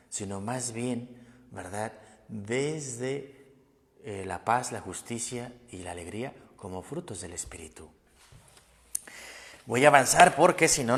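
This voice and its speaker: A man's voice: fairly low pitch, in a large hall. A man giving a sermon, emphatic, repeating key phrases and often adding a questioning tag. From Mexico. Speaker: priest. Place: parish church.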